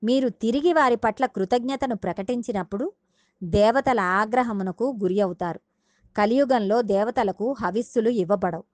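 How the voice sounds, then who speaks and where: An earnest woman gives a devotional discourse, retelling a sacred tale and pausing to explain its meaning to her listeners. Her voice sits fairly high. The recording is dry and close, with no room echo. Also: darkish tone. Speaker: religious discourse speaker.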